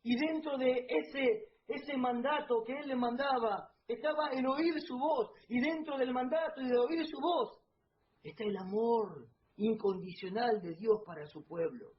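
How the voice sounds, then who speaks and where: A man preaching a fervent sermon at a church service, swinging between hushed lines and loud emphasis and often calling out to his beloved brothers. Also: very high-pitched, unhurried, highs cut off, slight background noise.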